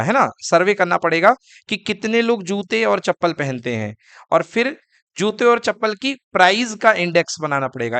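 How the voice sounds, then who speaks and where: A man's voice: high voice, a bit bright, clear, resonant tone, no room sound. A man teaching a lecture, often asking students questions and answering them himself. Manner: calls students kids and beta. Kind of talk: classroom lecture.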